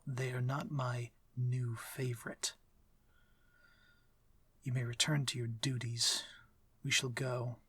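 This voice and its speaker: This man performs a vampire lord for an intimate ASMR audio drama, courteous yet protective and commanding, his soft, formal, measured lines frequently sinking to whispers. His husky voice sits at medium pitch in a full character performance with no room sound, and he sounds stern and possessive.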